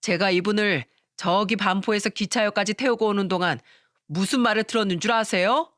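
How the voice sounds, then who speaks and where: A woman's voice: mid-range voice, fairly quick, a bit bright, no room sound, clean studio sound, lightly acted. A woman voicing a blunt, sarcastic middle-aged male taxi driver. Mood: sneering.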